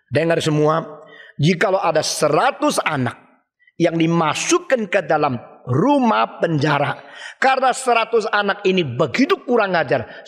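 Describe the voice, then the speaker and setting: A man's voice: sits high, sharp tone. An older man preaching a sermon as a pastor, emphatic and quizzing his listeners with rhetorical questions. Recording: long hall reverb.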